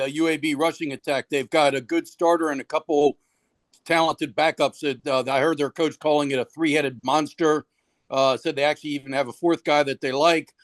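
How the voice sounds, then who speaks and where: A man's voice: a little high, dry recording. A male sports reporter on a video call, asking long, winding, conversational questions at a press conference.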